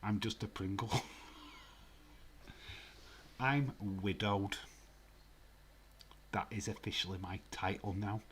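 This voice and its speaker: He takes it slowly, leaving long pauses, his low, somewhat bright voice set against a little hiss or hum. A Yorkshire man with a matching accent, he hosts a live stream, casually teasing his chat, laughing often and sometimes dipping to a near whisper.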